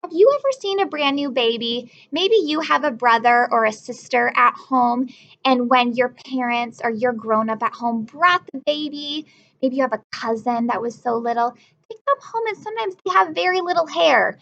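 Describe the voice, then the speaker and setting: A woman teacher reads a picture book aloud to young children, pausing often to ask them questions and praise them in an encouraging way. Her voice sits high and is creaky with a fairly bright tone, at a normal speed, and the recording has its highs cut off.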